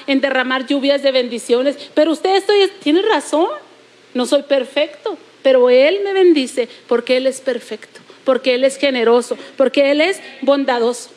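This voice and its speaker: A Mexican woman delivers a sermon in a high, bright voice. She presses her points by repeating phrases and drawing out key words slowly. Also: fairly even intonation. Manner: emphatic repetition, slowing to stress points. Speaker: preacher.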